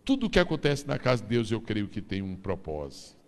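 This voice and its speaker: Man preaching, gravelly voice, animated storytelling, long church reverb. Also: lowish voice, fairly quick. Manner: animated storytelling, acting out scenes. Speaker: pastor. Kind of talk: sermon.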